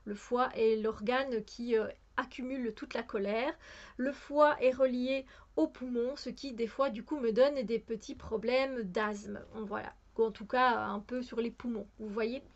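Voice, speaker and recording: A woman's voice: on the high side, fairly even intonation, unhurried, lo-fi sound. A woman with a Belgian French accent chatting casually about her new books, hesitant with many fillers and restarts. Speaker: book vlogger. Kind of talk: casual book haul chat.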